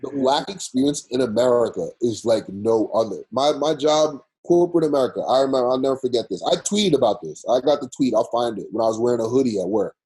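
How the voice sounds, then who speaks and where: A man's voice: medium pitch, quick pace, hardly any pauses, darkish tone, breathy edge, low-quality recording. A man telling a personal story on a podcast in short, emphatic sentences. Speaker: podcast guest.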